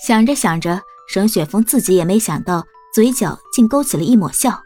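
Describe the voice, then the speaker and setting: A woman reads a storybook aloud, her voice steady and calm at a middle pitch. She keeps an even, unhurried narrating tone throughout. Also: slightly rough, soft background music. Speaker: audiobook narrator.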